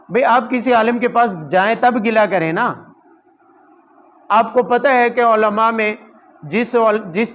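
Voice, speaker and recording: A man's voice: high voice, a bit bright, poor audio. A man, a Quran teacher and imam, giving a conversational sermon full of rhetorical questions and personal anecdotes. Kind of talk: Urdu Quran commentary sermon.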